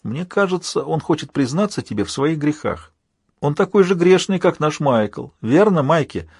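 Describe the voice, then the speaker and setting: A man doing a high sneering villain. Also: animated, normal speed, darkish tone, slightly rough, no echo, clean studio sound. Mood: taunting. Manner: sneering and accusing. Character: taunting wounded male villain, mocking.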